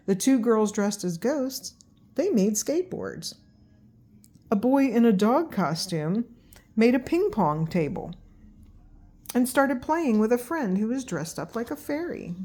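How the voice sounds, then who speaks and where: A woman's voice: a little high, very animated, measured pace, warm tone. An older woman, a grandmother, reading a children's story aloud as narrator.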